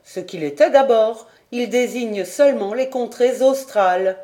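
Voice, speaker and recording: A woman reading aloud, voicing a skeptical, dry-witted army major who questions slowly and doubtfully. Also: a little high, dark tone, lightly acted.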